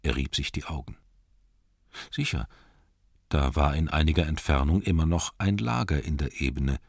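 A man reading a storybook aloud in calm, measured narration. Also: rumbling low, gravelly, no room sound, clean studio sound. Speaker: audiobook narrator. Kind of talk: scripted narration.

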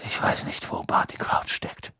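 Man doing a soft-spoken old headmaster. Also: fairly high pitch, big pitch swings, a little slow, no echo, studio quality, pitched above the performer's own voice, full character voice. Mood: hushed. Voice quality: soft, breathy, half-whispered. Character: wise old male headmaster, calm and grave.

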